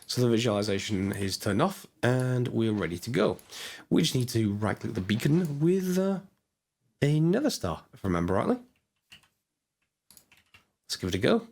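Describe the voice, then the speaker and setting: A man with a hoarse voice, chatting casually as he narrates his gameplay, thinking aloud with lots of fillers. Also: medium pitch, sing-song, moderate pace, pauses often, darkish tone. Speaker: gaming channel host. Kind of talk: casual let's-play commentary.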